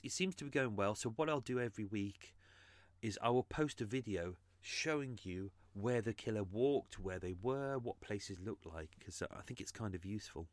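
A man's voice: lowish voice, no room sound. A man hosting a true crime podcast, explaining his research in an earnest, casual monologue.

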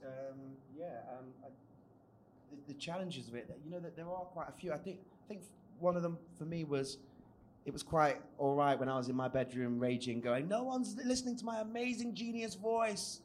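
A man's voice: mid-range voice, normal speed, a little hiss or hum. A man on a writers' panel, talking thoughtfully with self-mocking asides. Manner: reflective, self-mocking, rhetorical "do you know what I mean". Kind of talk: live panel discussion.

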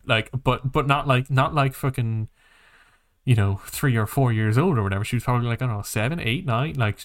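Here a podcast co-host with a brisk, medium-pitched voice talks movies and games in a loose, rambling way, speaking emphatically and swearing freely.

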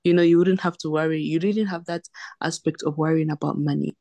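A young adult woman from Zambia and South Africa, a medical doctor, recounts her personal experiences as a guest in a conversational podcast interview, repeating words for emphasis. She has a Southern African accent and a low, steady, creaky, dark-toned voice, speaking fairly quickly. The recording is dry.

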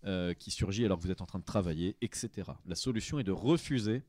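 A man's voice: low-pitched, animated, quick pace, darkish tone, dry recording. A man co-hosting a casual podcast chat, reading out advice items and joking with his friends. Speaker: podcast co-host.

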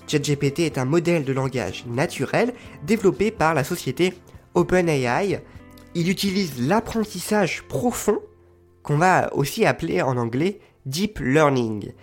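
A man hosting a podcast, explaining step by step with frequent fillers. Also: on the high side. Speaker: podcast host.

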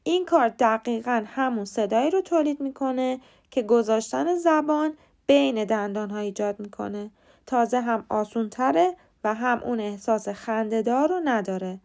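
A woman hosting a short podcast lesson, explaining pronunciation in clear, patient steps. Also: a little high, expressive, a little mellow. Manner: clear, patient step-by-step instruction. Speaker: podcast host teaching English pronunciation. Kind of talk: scripted lesson narration.

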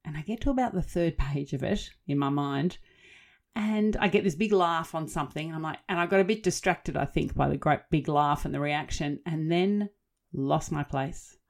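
A woman co-hosting a podcast, telling stories in lively casual chat with easy laughs and chatty asides. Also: sits low, moderate pace. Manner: animated storyteller, laughs easily, chatty asides. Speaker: podcast co-host.

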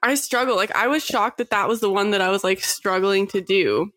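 A woman's voice: mid-range voice, fairly quick, fairly bright tone, no room sound. A young woman co-hosting a podcast in casual chat, rambling with lots of fillers and frequent giggles. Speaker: podcast co-host.

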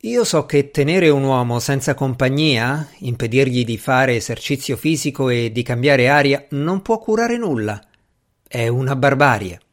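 A man voicing a confident, dismissive male magician in an audiobook, speaking in a brisk way. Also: medium pitch, lively intonation, lightly acted. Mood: indignant.

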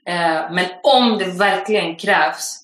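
Young woman telling slangy stories, roomy sound. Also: fairly low pitch. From Sweden. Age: 20s. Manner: lively, slangy storytelling with English phrases mixed in. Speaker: guest actress. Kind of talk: casual podcast chat. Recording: roomy echo.

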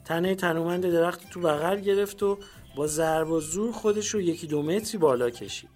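A man narrating a literary memoir in a measured, storytelling reading. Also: on the high side, darkish tone. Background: faint background music.

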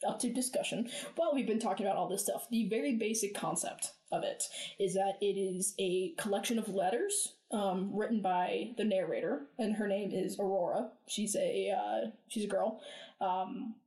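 A woman co-hosting a podcast talks in loose casual chat. She rambles and restarts her sentences and leans on fillers. Her voice sits at a middle pitch and carries a roomy echo. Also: normal speed, warm tone. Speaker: podcast co-host.

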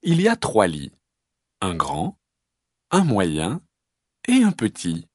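A man reading a children's story aloud in an expressive, lilting storyteller's voice. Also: low-pitched, slow pace.

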